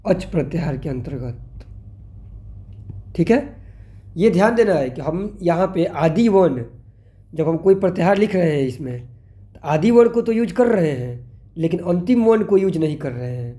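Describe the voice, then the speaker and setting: A male teacher with a high, mellow voice walks through a grammar lesson in an animated, explanatory way. He poses questions to the class and answers them himself, sometimes slowing to spell out sounds one at a time.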